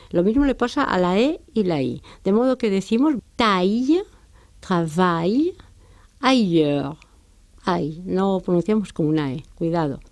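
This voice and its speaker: Woman language teacher, patient, repeats words slow, mellow voice, dry studio sound. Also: medium pitch, no echo. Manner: patient, didactic, repeats example words slowly. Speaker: French teacher. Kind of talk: explaining French pronunciation and grammar in Spanish.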